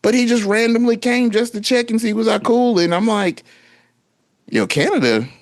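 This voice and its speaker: A man in his thirties co-hosting a podcast, telling a story in a lively, casual way and acting out what people said. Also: extremely high pitch, brisk, no room sound. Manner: animated storytelling, acts out quotes. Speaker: podcast co-host. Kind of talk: casual chat.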